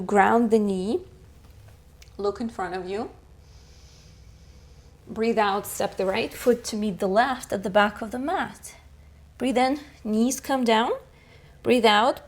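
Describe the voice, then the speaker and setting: A young woman leads a beginner yoga session, talking her students through every breath and posture. Her voice sits a little high, and she takes her time with each cue. Between rounds she turns playful and encouraging. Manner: slow, calm cueing of breath and poses. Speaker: yoga instructor. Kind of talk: guided yoga class instruction.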